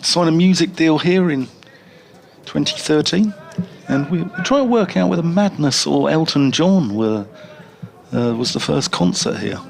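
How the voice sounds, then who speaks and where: A man commentating on a cricket match with a slightly high, gravelly voice. He fills the gaps between deliveries with rambling, jokey chat. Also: lively intonation, a little slow.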